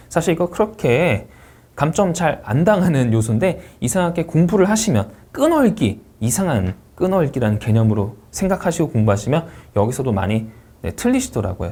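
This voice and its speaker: Brief: male test-prep instructor, lively, swooping pitch, drawn-out English example phrases. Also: slightly rough. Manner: animated, stretches English phrases slowly to show rising and falling intonation. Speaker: TOEIC Speaking instructor.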